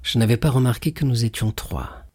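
A man reading aloud voices a proud, quick-tempered young sailor who speaks curtly in a storybook. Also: mid-range voice, sing-song, darkish tone, slightly rough, dry recording, studio quality. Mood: wary.

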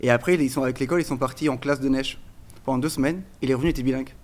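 A man's voice: medium pitch, steady tone. A man in his thirties from Portugal, a native Portuguese speaker, telling his life story in casual chat with many fillers. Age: 30s. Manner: rapid, filler-heavy storytelling.

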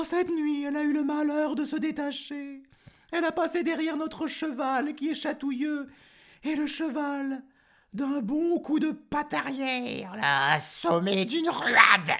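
A man's voice: slow pace, fairly bright tone, heavily acted. A man voicing a distressed farm mistress who wails about a dead cow. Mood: lamenting. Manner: wailing, high-pitched lament.

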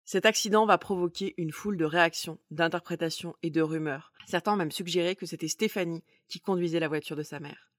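A woman's voice: on the low side, brisk, no room sound, studio quality. A woman hosting and telling stories from a script in a conversational manner with wry asides. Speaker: podcast host. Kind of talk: semi-scripted storytelling narration.

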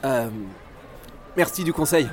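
A man's voice: a little high, measured pace, slight background noise, lightly acted. An actor playing a naive, hapless young man who keeps having bad luck. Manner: naive, plaintive, shouting in panic. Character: hapless young male drug mule, endlessly unlucky.

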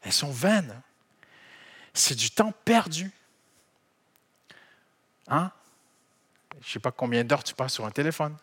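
A middle-aged man from Canada with a Canadian French accent, preaching a sermon to his congregation in an animated, conversational and humorous way. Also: fairly high pitch, takes it slowly, pauses often. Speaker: pastor. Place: church hall.

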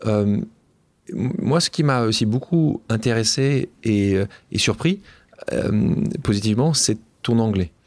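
A man's voice: on the low side, expressive, measured pace, a little mellow, dry recording. A man interviewing a guest in a chatty way, often finishing the guest's sentences. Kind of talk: interview questions.

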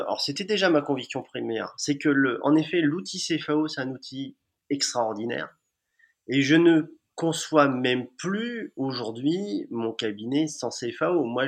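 A man, a dentist, talking conversationally about his practice with frequent hesitations. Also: mid-range voice. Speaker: dentist guest. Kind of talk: podcast conversation.

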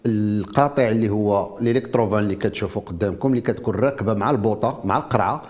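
With a Moroccan Arabic accent, an inventor explains and demonstrates his product in an interview, slipping French technical terms into his speech. His voice sits on the low side with a darkish tone, and he talks in rapid-fire bursts.

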